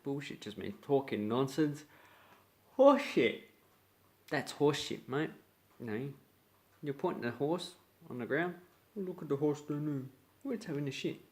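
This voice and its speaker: A young man with an Australian accent, explaining slang in a blunt, playful way and acting out example lines. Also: medium pitch. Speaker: slang teacher. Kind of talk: casual video lesson.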